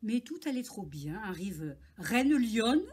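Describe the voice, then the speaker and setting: A woman reading a children's story aloud in a lively, animated way. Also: a little high, slow pace.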